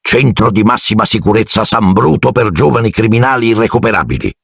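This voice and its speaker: A man's voice: on the low side, lively intonation, brisk, a bit bright, no echo, studio quality, pitched above the performer's own voice, full character voice. A man doing a blustering, bullying uncle. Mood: menacing. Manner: gruff, blustering, threatening. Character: overbearing middle-aged man, bullying uncle.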